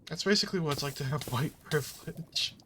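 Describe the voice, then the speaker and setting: A man's voice: on the high side, a little fast, sharp tone, slight background noise. A man chatting casually while playing a video game, rambling with many fillers and the odd curse at the game. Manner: swears at the game. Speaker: gaming channel host.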